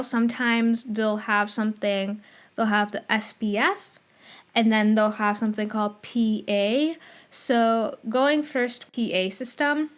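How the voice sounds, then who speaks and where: A woman hosting a casual solo podcast, chatty and rambling, with a slight lisp from a retainer, correcting herself as she goes. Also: on the high side. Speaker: podcast host.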